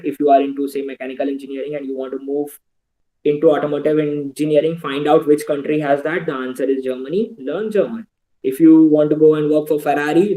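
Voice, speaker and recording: Speaking over a video call as a guest speaker, a young Indian man gives students practical advice in an online talk. He has Indian English, a mellow, dark voice at middle pitch, and an earnest, advising manner, with occasional asides in Hindi. The recording is rough.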